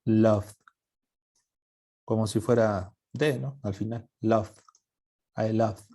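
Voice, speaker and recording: A man teaching an English grammar lesson, joking with his students and sounding out English words slowly. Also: lowish voice, steady tone, darkish tone, slightly rough. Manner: spells out English pronunciation slowly.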